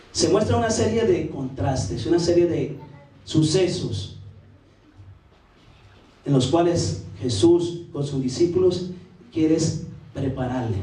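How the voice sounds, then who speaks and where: A male pastor preaching a sermon in a large church, his voice mellow and warm. He speaks earnestly and steadily, often pausing and restarting phrases. The sound comes from some distance and rings through a very echoey sanctuary. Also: medium pitch. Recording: very echoey church recording from afar.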